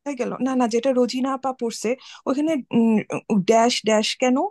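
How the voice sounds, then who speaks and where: A woman student politely asks her teacher a question. Her voice is slightly high. The sound is dry and close. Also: steady tone, normal speed, darkish tone, no echo. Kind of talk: asking questions in class.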